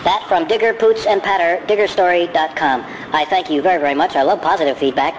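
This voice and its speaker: A man's voice: high-pitched, noisy background. A man hosting a podcast in a sped-up chipmunk voice, rambling and correcting himself as he goes. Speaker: podcast host. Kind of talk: casual podcast monologue.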